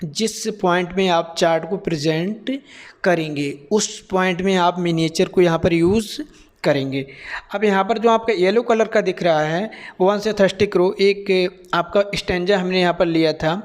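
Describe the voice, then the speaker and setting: A man with a high voice walks through a lesson plan like a teacher educator. He is methodical, goes one point at a time and keeps checking that his listeners follow. He is from India. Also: normal speed. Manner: methodical, step by step, checks in with "theek hai".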